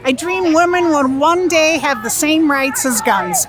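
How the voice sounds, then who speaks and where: A woman's voice: sits high, lively intonation, measured pace, background noise. Firm woman in her sixties at a protest. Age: 60s. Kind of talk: street interview answers. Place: outdoor street protest. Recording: loud crowd and music outdoors.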